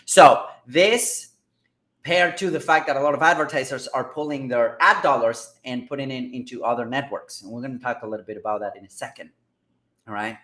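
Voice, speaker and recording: A man hosting casual business commentary on advertising, energetic and excitable, often checking in with "all right?" and "guys". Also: mid-range voice, fairly quick, roomy sound. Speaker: marketing host.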